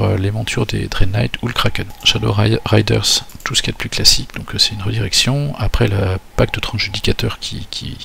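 A man's voice: lowish voice, vocal fry, a bit bright, a little hiss or hum. A man walking through his tabletop army list for a battle report, talking hesitantly with many fillers and restarts. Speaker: tabletop wargame player.

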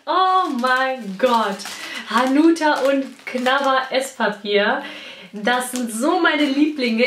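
A young woman vlogging an unboxing in a gushing, excitable way. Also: on the high side. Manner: gushing, excitable, squeals and laughs over gifts. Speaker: beauty vlogger. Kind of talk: casual unboxing vlog. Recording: echoey room, faint noise.

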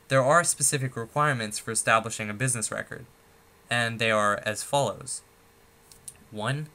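A man presenting a tutorial lecture, explaining points in a steady, methodical way with a few fillers. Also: medium pitch. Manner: steady, methodical, stepping through numbered points with occasional fillers.

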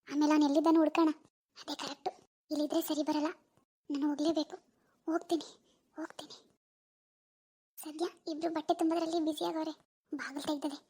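A woman voicing an anxious teenage village schoolgirl in a cartoon, fretting in hushed scheming asides. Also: very high-pitched. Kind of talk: cartoon voice acting.

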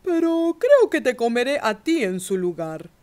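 Menacing storybook roadrunner, voiced by a woman, smug and hungry, in an animated delivery. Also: on the high side, measured pace. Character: hungry, threatening roadrunner bird.

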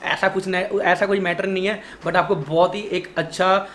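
A man's voice: sits high, steady tone, moderate pace, fairly bright tone, slight background noise. A young man in his twenties with a Delhi accent, hosting a casual vlog and chatting in a friendly way, recorded on a phone held at arm's length in a small indoor shop office. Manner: chatty, friendly, calls the other man brother. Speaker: vlogger host. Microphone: phone camera held at arm's length.

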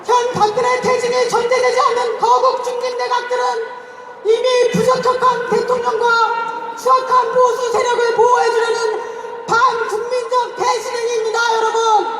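A man shouts a protest speech at a very high, unvarying pitch. His oratory is impassioned and forceful in delivery. He is heard from far off, echoing over a noisy crowd. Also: little pitch movement, moderate pace, over music. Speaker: speaker at a political protest rally. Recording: distant echoey rally recording, noisy crowd.

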